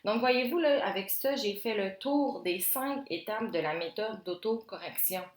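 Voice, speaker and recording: A woman's voice: mid-range voice, measured pace, echoey room. A woman teacher, explaining step by step and asking herself questions as she demonstrates a grammar correction.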